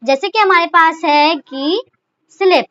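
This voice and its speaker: High bright-voiced woman teaching shorthand. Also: a little slow. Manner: chatty, repeats rhetorical questions and okay. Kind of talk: explaining a lesson step by step. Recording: dull lo-fi recording.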